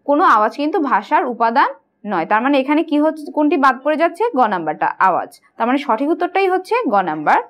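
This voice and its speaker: A woman with a high, very animated voice talks quickly. She's a teacher patiently going over quiz answers, posing questions and then answering them herself.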